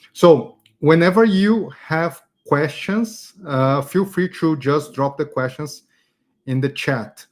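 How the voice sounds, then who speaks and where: Chatty Brazilian-raised man hosting workshop. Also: mid-range voice. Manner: chatty, many fillers and "okay?" tags. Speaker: community event host teaching design. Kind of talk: casual live online workshop.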